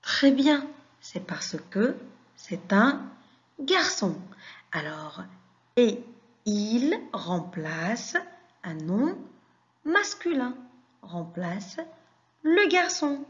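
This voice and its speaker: Slow, patient woman teaching young children. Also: a little high, big pitch swings, lo-fi sound. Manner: slow, deliberate, praising and questioning pupils. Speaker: French teacher. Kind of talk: classroom lesson for young children.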